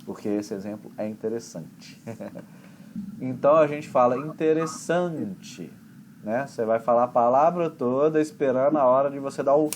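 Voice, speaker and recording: A man with a Brazilian accent, an English teacher explaining pronunciation in a chatty, relaxed way with homely examples. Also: medium pitch, normal speed, a little hiss or hum. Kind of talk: conversation class explanation.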